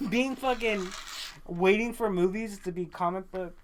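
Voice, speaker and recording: With slight background noise behind him, a thirtysomething podcast co-host speaks in a high-sitting voice at a normal pace. The conversation is relaxed, full of jokes, swearing, and frequent laughter.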